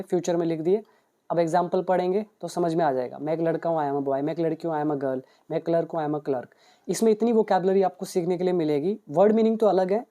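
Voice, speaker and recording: A man's voice: a little high, dark tone. A man who teaches English, explaining a book page by page and reading out paired Hindi and English examples. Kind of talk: book walkthrough lesson.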